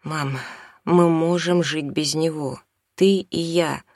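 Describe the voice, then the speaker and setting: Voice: medium pitch, steady tone, slow pace, darkish tone, no room sound, studio quality. Reader voicing an angry teenage son. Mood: desperate. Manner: sarcastic and accusing, tense. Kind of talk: audiobook character reading.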